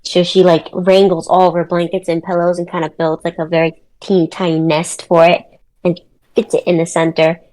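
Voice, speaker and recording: A woman player describing her character's actions in a tabletop game, with many pauses and ums. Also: on the low side, flat delivery, mellow, poor audio. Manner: slow, full of ums.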